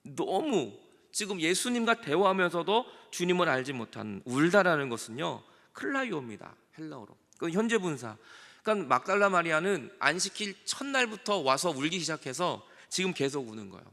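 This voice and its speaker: A male pastor preaching an Easter sermon, with sudden swells of emphasis and hushed, near-whispered phrases. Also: a little high, very animated, moderate pace, gravelly. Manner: emphatic, rising and falling sharply, dropping to near whispers. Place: church sanctuary. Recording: long church hall reverb.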